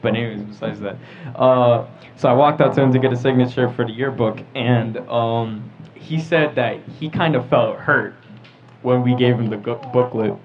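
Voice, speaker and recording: A teenage boy from New York, in the United States, chats casually and tells stories as a podcast co-host. He speaks at mid-range pitch and normal speed. The audio has its highs cut off, with faint music in the background.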